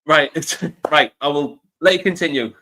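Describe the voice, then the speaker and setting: A man's voice: a little high, a little slow, sharp tone. Guy in his 30s with the flu, bunged up, laughs a lot, hosting a casual interview. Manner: chatty, laughs often, self-deprecating. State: stuffy with flu. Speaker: interview host.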